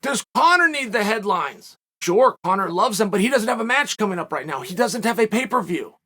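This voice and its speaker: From a dark studio set, a man in his forties hosts his own commentary show, telling stories and speculating with animation and emphasis. He has a high voice and moves briskly.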